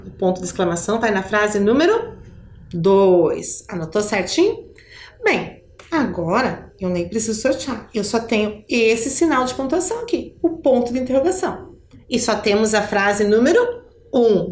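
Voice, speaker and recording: A Brazilian primary school teacher with a Curitiba accent gives a video lesson for children, patient and didactic, addressing the pupil directly with fond diminutives. Her medium-pitched voice swings widely at a normal speed, recorded in an echoey room with faint background noise.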